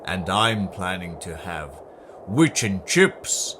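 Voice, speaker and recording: A mean, hungry dragon from a children's storybook, as a storybook narrator acts him out. He draws his words out very slowly, relishing the menace, and speaks forcefully with faint noise behind. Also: deep voice, sing-song, heavily acted. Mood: menacing, boastful. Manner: slow, drawn-out, relishing menace.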